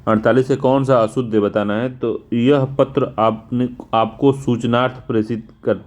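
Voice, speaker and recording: A male teacher going through exam answers, spelling words out slowly and repeating them, casual in tone. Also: mid-range voice, steady tone, a little mellow. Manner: informal, repeats "theek hai" often.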